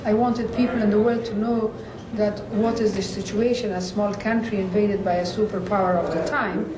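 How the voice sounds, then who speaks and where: A woman's voice: medium pitch, steady tone, moderate pace, crowd noise. A woman in an interview. She talks in a thoughtful, hesitant way with many fillers. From Afghanistan. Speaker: interview guest. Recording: echoey room, distant mic, background noise.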